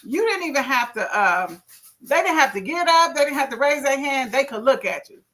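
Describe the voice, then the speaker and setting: A middle-aged woman hosting a casual live stream, telling animated stories and reading viewers' comments aloud with folksy asides. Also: high-pitched, normal speed. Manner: animated storyteller, laughs often, folksy asides. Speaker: livestream host.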